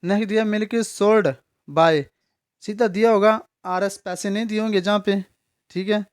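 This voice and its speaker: A man teaching an English grammar lesson, patiently explaining, repeating words, checking if students follow and spelling some words out slowly letter by letter. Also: high-pitched, fairly even intonation, clean tone.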